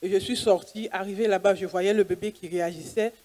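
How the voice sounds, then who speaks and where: A woman's voice: mid-range voice, fairly even intonation, fairly quick, warm tone. A woman, a doctor giving an earnest church testimony and acting out the dialogue as she tells it. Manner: earnest storytelling, plays out dialogue.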